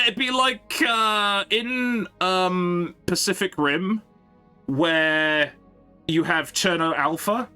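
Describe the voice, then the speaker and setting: A man's voice: fairly high pitch, bright, forceful tone. A man chatting casually on a game live stream, rambling and thinking aloud to his viewers.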